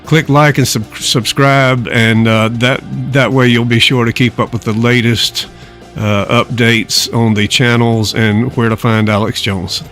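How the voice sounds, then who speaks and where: A man casually giving a channel announcement as host, in a halting, low-key way. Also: level tone, a bit bright. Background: music.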